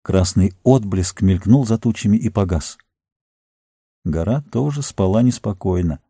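A man reading a fantasy novel aloud as an audiobook narrator, measured and slowing on grim passages. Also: lowish voice, lively intonation, dark tone, husky, dry recording, studio quality.

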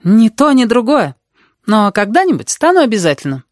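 A reader voicing a bold, chatty red-haired girl who lectures quickly and jumps between topics. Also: mid-range voice, big pitch swings, dry recording, clean studio sound, pitched above the performer's own voice, close to an everyday voice. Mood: bossy. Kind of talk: audiobook character voice.

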